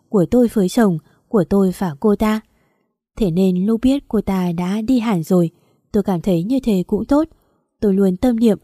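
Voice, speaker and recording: A woman narrating a first-person story in a calm, measured, reflective way. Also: medium pitch, no echo, clean studio sound. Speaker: audiobook narrator.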